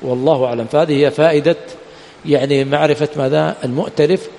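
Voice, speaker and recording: A man's voice: fairly high pitch, steady tone, fast talker, creaky, warm tone, long reverb tail, a little hiss or hum. A man teaching a lecture on hadith science, who keeps asking rhetorical questions and answering them himself, repeating the key words. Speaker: Islamic studies teacher. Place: lecture hall of an Islamic studies center.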